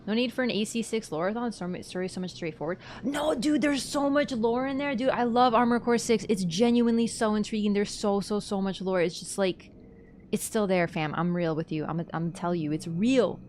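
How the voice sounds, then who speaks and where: A young woman from Canada chatting on a live stream, rambling, giggly and quick to apologize. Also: medium pitch, a little mellow, a little hiss or hum. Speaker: livestreamer. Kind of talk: casual live-stream chat.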